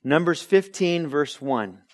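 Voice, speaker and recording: A man preaching a conversational sermon as he teaches through a Bible book, lively and fond of acting out quoted voices. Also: takes it slowly. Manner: lively, acts out quoted voices with big pitch jumps.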